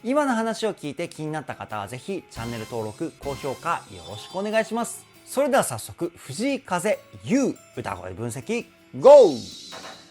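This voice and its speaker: A man's voice: on the high side, wildly swooping pitch, normal speed, hardly any pauses, soft background music. A male vocal trainer giving an enthusiastic, explanatory song analysis and now and then singing short phrases to demonstrate.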